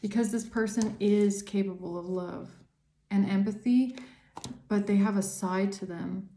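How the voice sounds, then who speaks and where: A woman's voice: mid-range voice, fairly even intonation, a little slow, warm tone, slight background noise. Woman doing an echoey tarot reading. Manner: earnest, rambling, repeats words for emphasis. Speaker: tarot reader and psychic channeller. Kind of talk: casual tarot reading to camera. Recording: roomy echo.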